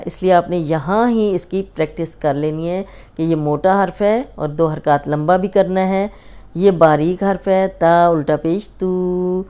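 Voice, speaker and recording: A woman with a Pakistani Urdu accent teaching a Quran recitation lesson, drilling drawn-out syllables and patiently explaining each sound. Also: on the low side, dark tone, clean tone. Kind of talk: slow instructional recitation lesson.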